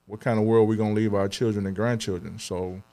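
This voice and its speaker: A man's voice: on the low side, steady tone, a little fast, mellow. A young adult man co-hosting a podcast, talking earnestly in casual chat, with many fillers and restarts. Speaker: podcast co-host.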